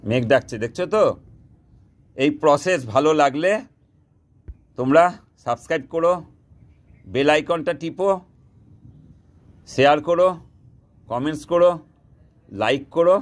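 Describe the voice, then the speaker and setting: A man with a fairly high voice records a casual instructional vlog outdoors. He repeats himself insistently, drives each point home, and drifts into broken Hindi. He talks straight to his viewers while showing them how he makes his bait. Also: a little slow, pauses often. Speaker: fishing bait maker teaching viewers. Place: outdoors, sky darkening before rain.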